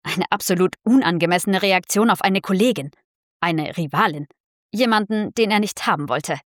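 A woman narrating a story in a slow, measured, dramatic reading. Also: fairly low pitch, dry recording, clean studio sound. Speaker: audiobook narrator. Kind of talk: scripted narration.

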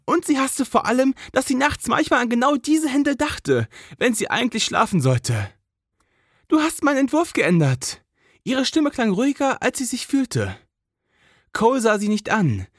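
Romance audiobook narrator: expressive, slightly husky, very dry close recording. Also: mid-range voice, no room sound. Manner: emotive, lingering pauses.

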